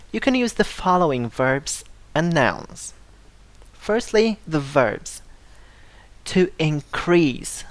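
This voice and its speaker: An English teacher talks through a vocabulary lesson very slowly, repeating each list of words and leaning on stressed syllables to show pronunciation. The recording is dry and close, with no room sound. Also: mid-range voice, no room sound. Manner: slow, careful delivery, repeating word lists for learners.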